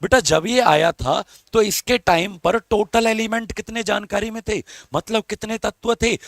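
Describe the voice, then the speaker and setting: High, gravelly male teacher coaxing students. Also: fairly even intonation, normal speed, no echo, clean studio sound. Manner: coaxing, calls students beta and babu, asks for comments. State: strained throat, talking softly. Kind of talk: live online exam-prep lesson.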